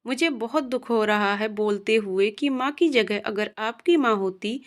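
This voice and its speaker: A woman voicing a caring grown daughter, calm and firm in her replies. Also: on the high side, a little slow, natural voice.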